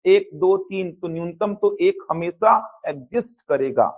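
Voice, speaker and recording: A man with a high voice teaches a live math class. He keeps the students engaged with repeated questions and short answers. The sound is slightly muffled, like lo-fi classroom audio. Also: lively intonation. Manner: drills students with rapid question-and-answer, repeating key points. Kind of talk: live coaching class lecture. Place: classroom with students and online viewers.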